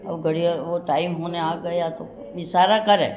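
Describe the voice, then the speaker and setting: A woman's voice: lowish voice, fairly even intonation, unhurried. An older woman telling her life memories in a rambling storytelling way, acting out what other people said, recorded in a hospital room. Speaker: interviewee recalling her past. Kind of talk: personal memoir storytelling. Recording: roomy recording with crowd noise.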